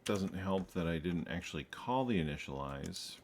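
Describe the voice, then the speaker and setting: Expressive and low, a man's voice moves at a moderate pace as he thinks aloud while streaming his programming, joking wryly and often correcting himself. Faint typing sits within a noisy background.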